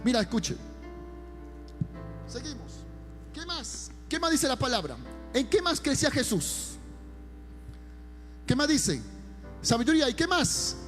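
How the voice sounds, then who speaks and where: A man's voice: very high-pitched, sing-song, measured pace, pauses often, a bit bright, faint music behind. A man preaching a sermon as pastor, calling listeners brother and building emphasis.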